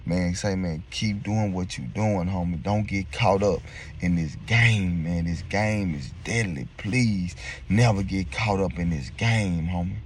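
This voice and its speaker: A gaunt, dying male prisoner speaks low and hushed, his pitch dropped well under the teller's own, as a man puts him on. He confides in resigned street talk with the energy drained out of him. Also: a little slow, a little hiss or hum. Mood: pleading.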